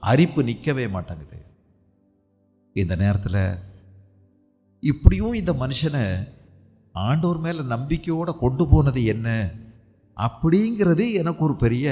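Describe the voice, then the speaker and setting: A male pastor preaching a sermon with a Tamil Nadu accent, asking rhetorical questions and swinging between loud and soft. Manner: animated, rhetorical questions, dramatic swings in pitch and loudness. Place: church prayer hall. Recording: long hall reverb with faint music.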